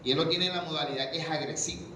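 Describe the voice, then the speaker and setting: A man's voice: on the high side, steady tone, racing, pushed and bright, a little hiss or hum. Fervent male preacher in an echoing church. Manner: fervent preaching with rhetorical questions and call-and-response. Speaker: evangelist preacher. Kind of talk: sermon. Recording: very echoey church room.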